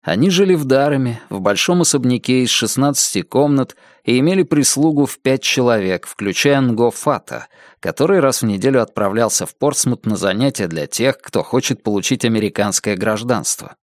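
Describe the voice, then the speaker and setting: A man reading a novel aloud as an audiobook narrator. His delivery is expressive, with plenty of rise and fall in pitch. The recording is dry and close. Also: normal speed, dry recording.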